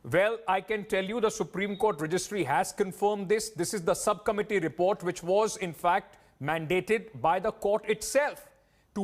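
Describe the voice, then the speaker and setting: Male news anchor, Indian accent, high-pitched delivery. Insistent debate moderator who interrupts and keeps pushing the question.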